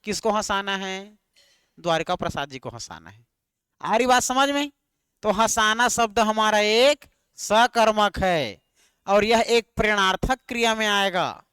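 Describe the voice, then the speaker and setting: High, clear-voiced teacher quizzing. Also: male voice, expressive, a little slow, bright, forceful tone, no echo. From Chhattisgarh, India. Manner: repetitive, quizzing students with questions. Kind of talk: exam-prep grammar lesson.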